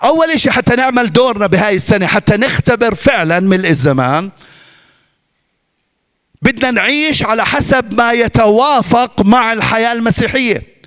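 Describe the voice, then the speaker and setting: A man's voice: very high-pitched, sharp tone, clear, resonant tone. A male pastor with a Levantine Arabic accent, preaching emphatically and repeating his points with rhetorical questions. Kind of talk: sermon. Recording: long reverb of a large hall.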